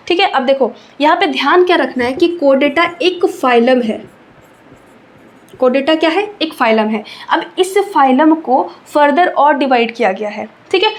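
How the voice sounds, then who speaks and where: A young woman with a high voice gives an exam-prep biology lecture. She talks patiently and repeats each key term slowly, checking in with her students after every point. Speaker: teacher.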